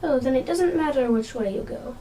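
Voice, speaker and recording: A woman's voice: sits high, animated, brisk, warm tone, rough recording. A female amateur actor playing a grinning, teasing mad cat in a radio play.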